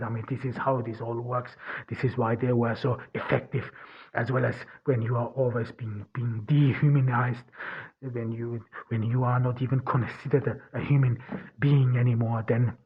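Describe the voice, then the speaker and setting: A German-speaking man, talking in English as a podcast host, works through a personal monologue haltingly and earnestly, restarting and searching for words. His voice is medium-pitched and husky, captured in a dull lo-fi recording.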